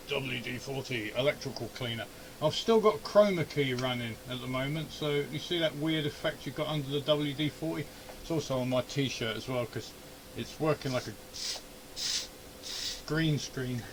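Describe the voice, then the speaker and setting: In his home radio shack, an amateur radio hobbyist and video host mutters and grumbles through a hands-on repair, offering a casual play-by-play. His mid-range voice moves at a normal speed against background noise.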